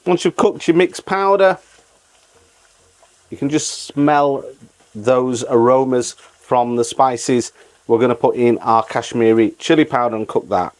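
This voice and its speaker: A man's voice: mid-range voice, a little slow. A middle-aged man hosting a casual step-by-step cooking tutorial, repeating phrases for emphasis. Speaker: cooking channel host.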